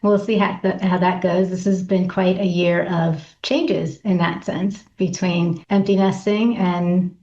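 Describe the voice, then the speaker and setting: A middle-aged woman from New York, a guest in an interview, talking quickly and chatting easily with the odd laugh. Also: fairly low pitch, steady tone, dark tone, roomy sound, highs cut off. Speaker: guest, patent consultant. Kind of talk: conversational interview.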